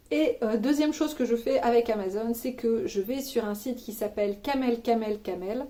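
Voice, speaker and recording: A woman talking straight to her viewers in a loose, chatty vlog, her voice pitched a little high. Her tone is mellow and soft-edged, and she drops slangy asides and teasing jokes as she goes. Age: adult with children. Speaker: vlogger sharing money-saving tips. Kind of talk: casual chat to camera.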